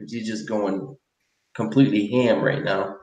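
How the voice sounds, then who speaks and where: A man's voice: lowish voice, fairly even intonation, a little slow, darkish tone. Rambling male stream host, roomy sound. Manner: rambling, many fillers and restarts. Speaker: livestream host. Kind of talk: casual chat while drawing. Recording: roomy, distant from mic.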